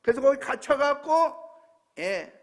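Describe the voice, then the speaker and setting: A pastor in his seventies preaching a sermon, telling a personal story with emotion that swings from hushed tones to loud exclamations. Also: very high-pitched, expressive, measured pace. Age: 70s.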